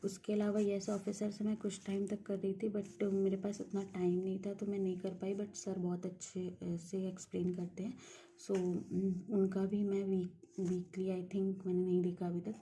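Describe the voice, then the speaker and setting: A woman's voice: medium pitch, gravelly, warm tone, slight background noise. A young woman giving a casual screen-share walkthrough of study resources as a banking exam aspirant, mixing English words into her Hindi with frequent hesitation fillers.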